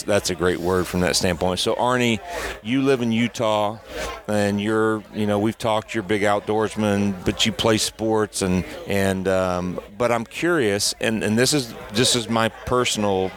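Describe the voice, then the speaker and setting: A man from the camp staff chatting in an interview, rambling and repeating himself as he talks. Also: fairly low pitch. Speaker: fantasy camp staff, co-host. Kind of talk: casual interview chat.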